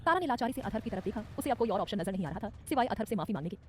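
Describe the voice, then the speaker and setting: A woman narrating a romantic audio story in a brisk, dramatic scripted style. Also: mid-range voice, expressive. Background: soft music.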